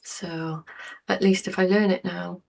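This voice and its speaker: Slow, chatty woman in her forties. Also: lowish voice, little pitch movement, vocal fry, a little mellow, a little hiss or hum. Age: 40s. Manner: rambling, chatty, with frequent fillers and laughs. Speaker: YouTuber. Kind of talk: casual vlog chat.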